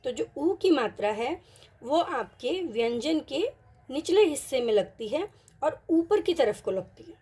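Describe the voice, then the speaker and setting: A woman teaching an online Hindi lesson, patiently mixing in English words and repeating each example word slowly. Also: a little high, darkish tone, slightly rough.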